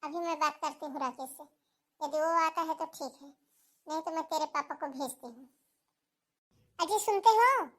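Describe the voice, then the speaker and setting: Fussy, protective cartoon mom, middle-aged and fretful, with a very high voice, put on by a woman. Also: fairly even intonation, fairly bright tone. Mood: urgent. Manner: fretful, scolding, quick to take her daughter's side. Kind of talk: animated cartoon voice acting.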